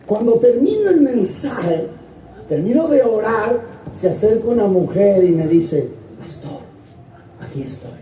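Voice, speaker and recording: A man, an evangelist pastor, preaching an impassioned sermon that swings between loud high exclamations and low hushed phrases. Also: very animated, a little slow, slight background noise. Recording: roomy and distant with loud music. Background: loud music.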